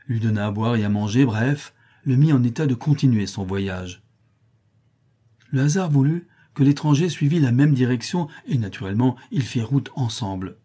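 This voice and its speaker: A man voicing an old Mexican nurse woman, speaking gently and persistently. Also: medium pitch, husky.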